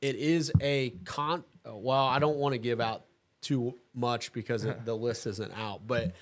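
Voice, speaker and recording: An easygoing man hosts a casual talk, his voice sitting at a middle pitch. He laughs readily and works through his thoughts with fillers and restarts. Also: steady tone, a little slow. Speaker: host. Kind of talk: casual chat.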